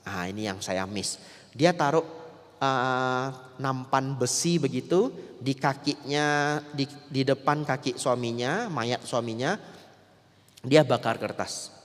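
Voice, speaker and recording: Monk guy preaching, storytelling, gets loud then quiet, talks right to the crowd, big echoey hall. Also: medium pitch, slow pace. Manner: lively, addresses listeners directly, swings between loud and soft. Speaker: Buddhist monk. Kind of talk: storytelling sermon to a congregation.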